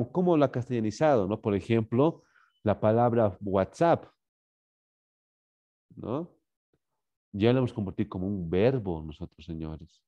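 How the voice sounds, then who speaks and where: A man's voice: fairly low pitch, mellow, highs cut off. A man with a Bolivian Spanish accent giving a classroom lecture, tagging lines with "¿no?" and "muy bien". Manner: repeats "¿no?" and "muy bien" as tags; addresses students as "señores". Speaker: teacher.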